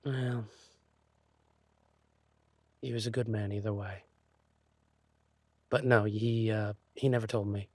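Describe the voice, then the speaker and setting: A man playing an insecure, lovesick thief boyfriend in a romantic audio role-play, speaking haltingly and tenderly. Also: on the low side, fairly even intonation, darkish tone, no echo. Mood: wistful, gentle. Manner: hesitant, halting, sighing delivery.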